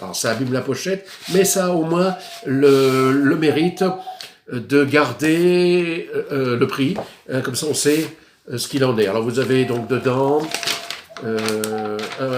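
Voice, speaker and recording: A man's voice: mid-range voice, a little mellow, a little hiss or hum. A man presenting his record purchases in a casual video, speaking hesitantly with many fillers. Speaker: record collector vlogger. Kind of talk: casual show-and-tell of purchases. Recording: echoey room.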